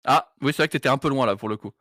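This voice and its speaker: A man's voice: mid-range voice, rapid-fire, fairly bright tone, no echo, studio quality. A man hosting a live stream, joking and self-mocking in casual chat.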